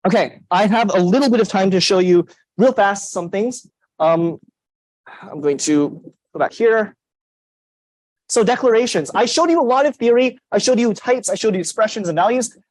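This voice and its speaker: A young man lecturing a university class, lively and emphatic, putting questions to the students. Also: high voice, moderate pace, dry recording, rough recording. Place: lecture hall.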